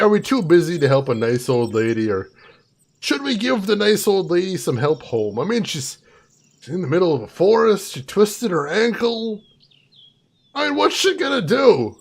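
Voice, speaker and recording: High, husky, animated male game streamer. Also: moderate pace. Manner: playful, chatty, theatrical asides. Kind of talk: casual live game commentary.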